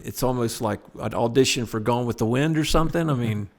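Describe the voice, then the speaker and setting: A man co-hosting a podcast, chiming in with wry, quick remarks. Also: medium pitch. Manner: wry, quick agreeing interjections. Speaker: podcast co-host. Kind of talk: casual commentary.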